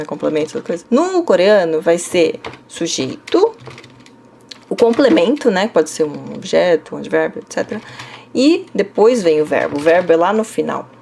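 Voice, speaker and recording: A woman's voice: deep voice, expressive, moderate pace, creaky, a little mellow, slight background noise. A young woman with a São Paulo Brazilian accent, casually answering viewer comments as a Korean language teacher, full of little fillers. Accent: Brazilian Portuguese, São Paulo. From Brazil, interior of São Paulo state. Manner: chatty, frequent fillers like "né?" and "tá?", laughs a little.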